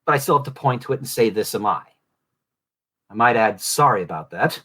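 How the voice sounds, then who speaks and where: Podcast host, man, mid-Atlantic accent drifting Southern, ornate wordy delivery, mid-range pitch. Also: animated, fairly quick, pushed and bright, husky. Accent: mid-Atlantic, shifting toward Southern. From Southwest Florida. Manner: elaborate, formal, intricate phrasing. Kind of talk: reflective solo monologue.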